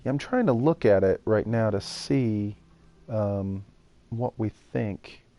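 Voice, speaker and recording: This man builds in a game on a live stream, talking to chat and thinking out loud in a casual way. He speaks slowly in a warm, lowish voice with no echo.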